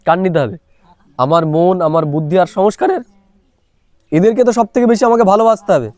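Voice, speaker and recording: A man's voice: high-pitched, expressive, fairly quick, darkish tone, no echo. A man teaching a spiritual meditation class who keeps asking listeners whether they follow, speaking into a clip-on mic recorded on a phone. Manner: asks listeners rhetorical check-in questions. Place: small room, recorded on a mobile phone. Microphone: clip-on microphone.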